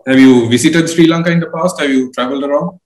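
A man's voice: on the high side, darkish tone. Young male interviewer in a roomy room. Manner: measured, halting questions with many fillers. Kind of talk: interview questions. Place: room with bookshelves indoors. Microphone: video call webcam. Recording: roomy webcam audio.

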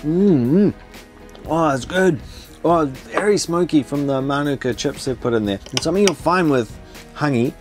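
A man's voice: on the high side, animated, normal speed, soft background music. New man, eager food-vlog host. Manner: enthusiastic, explains dishes while eating. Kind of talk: casual food vlog narration. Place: inside a parked camper van.

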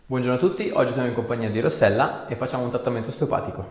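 Talking rapid-fire in a medium-pitched voice, a man working as an osteopath casually reassures and encourages a patient as he gives instructions. The clip comes from a small indoor treatment room, with room echo, a distant mic and a bit of faint noise.

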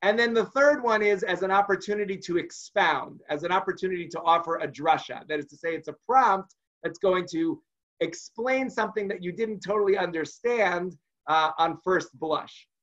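A man's voice: high voice, moderate pace, fairly bright tone, highs cut off. A man teaching an online class as a rabbi, talking conversationally and acting out quoted voices. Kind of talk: online lecture.

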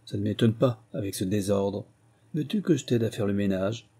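A man's voice: fairly low pitch, normal speed, dark tone, husky. A man reading an audiobook and voicing a grumpy, impatient young man who scolds his sister in a huffy, indignant way.

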